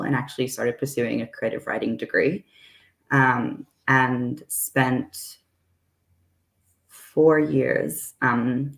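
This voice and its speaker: Gravelly young woman host, roomy sound. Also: rumbling low. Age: young adult. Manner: friendly, affirming, lots of "mm-hmm". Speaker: interview host. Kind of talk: conversational panel interview.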